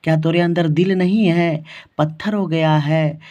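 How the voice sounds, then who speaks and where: A man's voice: fairly high pitch, expressive, measured pace, darkish tone. A man doing a scolding angry grandmother. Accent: Bihar Hindi. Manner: scolding, indignant. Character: angry old grandmother scolding her daughter-in-law. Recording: dull lo-fi recording.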